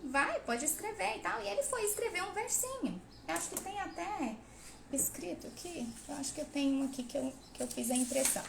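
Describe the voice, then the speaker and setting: Emphatic high-voiced woman, roomy echo. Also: animated, fairly quick, vocal fry, noisy background. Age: adult parent. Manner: emphatic, scolding, blunt; acts out quoted voices. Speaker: host of a parenting and literacy channel. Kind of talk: live Q&A talk. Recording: roomy echo with faint ambience.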